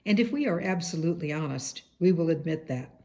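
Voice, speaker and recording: A woman reading a biography aloud as an audiobook, in a measured, earnest way. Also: sits low, animated, vocal fry, mellow. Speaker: audiobook reader. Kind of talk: read-aloud biography narration.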